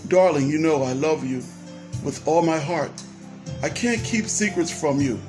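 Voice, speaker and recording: A man reading aloud and voicing a gentle, cautious young woman in love, speaking softly. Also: on the high side, expressive, a little slow, over music. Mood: tender. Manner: soft, gentle delivery.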